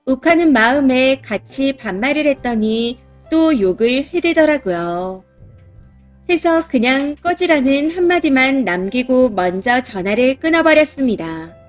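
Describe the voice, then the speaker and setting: A woman with a high voice reads a listener's story aloud, telling it steadily in the first person. Light music plays faintly behind her. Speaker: story reader. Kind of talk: scripted narration of a reader's story.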